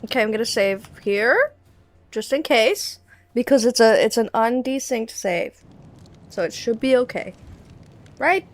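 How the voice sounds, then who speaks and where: A woman's voice: a little high, animated, measured pace, long pauses. A young woman streaming a game, chatting casually and rambling, swearing now and then, into a cheap desk mic. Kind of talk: casual gaming stream chat. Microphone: cheap desk mic on an arm.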